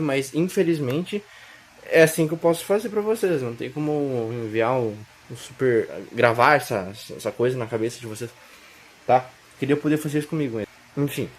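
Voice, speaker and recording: A man gives a casual spoken grammar lesson recorded on a phone. He rambles, corrects himself and keeps checking in with his listeners. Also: mid-range voice. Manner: rambling, self-correcting, with frequent "tá?" check-ins. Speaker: self-taught grammar tutor.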